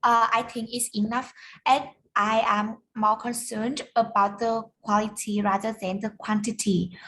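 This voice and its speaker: A woman's voice: medium pitch, a little hiss or hum, low-quality recording. A woman with a Vietnamese accent answering English speaking practice questions carefully, with hesitant fillers. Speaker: student.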